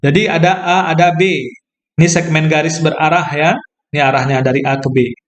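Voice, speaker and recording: Male math lecturer, slightly high voice, self-correcting, talks through a proof in a roomy space. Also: fairly even intonation, fairly quick. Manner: thinks aloud, self-corrects, asks "ya kan?". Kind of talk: explaining a geometry proof.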